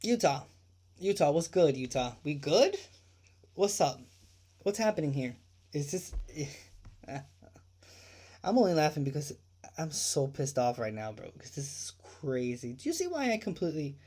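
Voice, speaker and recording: A man hosting a livestream about true crime, his voice dark and mellow. He rants with open indignation, swearing freely and firing off rhetorical questions. He circles back to repeat his points for emphasis. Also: on the high side, sing-song, normal speed. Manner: indignant ranting with profanity.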